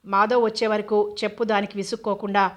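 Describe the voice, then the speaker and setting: A woman's voice: medium pitch, little pitch movement, quick pace, natural voice. A woman reading the lines of a fussing, affectionate middle-aged mother who scolds fondly. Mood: fond scolding.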